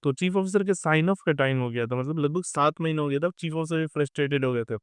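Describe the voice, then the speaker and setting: A man's voice: on the high side, quick pace, clear, resonant tone, no echo, studio quality. A young man tells a casual story about life at sea and keeps dropping "theek hai" and "matlab" as he goes. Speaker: merchant navy officer sharing advice.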